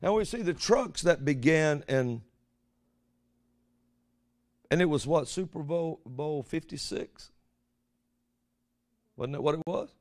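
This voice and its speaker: A man's voice: on the high side, lively intonation, measured pace, a little mellow. A man preaching an informal prophetic sermon in a folksy, rambling way, often putting rhetorical questions to his listeners.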